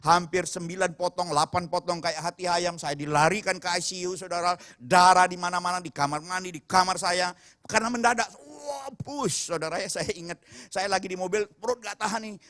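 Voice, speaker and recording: A middle-aged Indonesian male pastor preaching a sermon, telling personal stories and calling out to the congregation, jumping from loud outbursts to quiet asides. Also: high-pitched, dry recording. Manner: storytelling, often addresses the congregation as "saudara".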